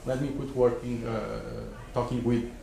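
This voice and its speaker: Male panelist, off-the-cuff advice, halting delivery with many restarts, echoey room sound. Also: mid-range voice, little pitch movement, gravelly, dark tone, slight background noise. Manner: halting, repeats words as he rethinks. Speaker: expert panelist advising startups. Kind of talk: spontaneous advice at a live panel. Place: wood-panelled conference room.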